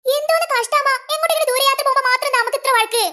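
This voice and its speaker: Brief: a performer playing a put-upon cartoon big sister, grumbling, very high-pitched. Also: rapid-fire, sharp tone. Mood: complaining. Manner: complaining, exasperated. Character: put-upon eldest daughter Lachu.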